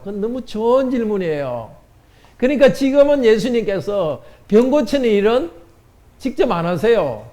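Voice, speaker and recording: 아이들에게 묻고 답하는 남자 목사. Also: male voice, high-pitched, dark tone. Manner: asks children questions and answers them. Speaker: pastor. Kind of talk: children's sermon. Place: church sanctuary.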